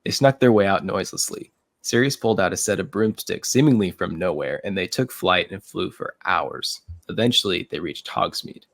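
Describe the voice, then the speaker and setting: A man narrating a fan story read-through in an even reading manner, with occasional slips. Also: sits low, moderate pace, vocal fry, no echo.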